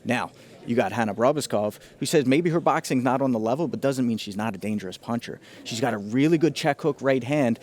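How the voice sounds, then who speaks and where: A man's voice: medium pitch, brisk, a little mellow. A man giving casual, slangy and enthusiastic fight analysis as a commentator.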